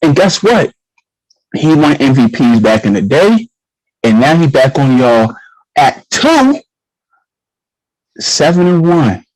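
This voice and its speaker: A man hosting an online league talk show, talking in an animated, slangy way and repeating himself as he builds hype. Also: fairly high pitch, slow pace, pauses often, no room sound, poor audio. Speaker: show host.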